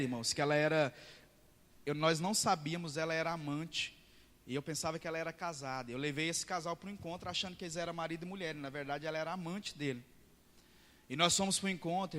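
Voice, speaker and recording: A man's voice: on the high side, a bit bright. A pastor preaching a sermon. He tells stories emphatically and keeps calling out to the congregation. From central Brazil. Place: large church hall. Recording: long reverb in a church hall.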